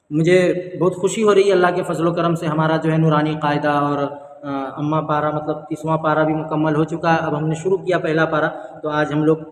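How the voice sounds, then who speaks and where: A man teaching the rules of Quran reading, explaining step by step, asking and answering his own questions, and chanting the verses slowly. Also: on the high side, reverberant, big-room sound, a little hiss or hum.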